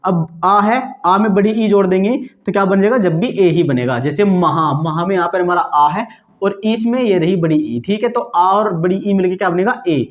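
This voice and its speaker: A man's voice: sits high, lively intonation, normal speed, highs cut off. A man teaching a grammar lesson, often checking in with the class and posing questions he then answers. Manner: repeats "ठीक है दोस्तों" and asks quiz-style questions.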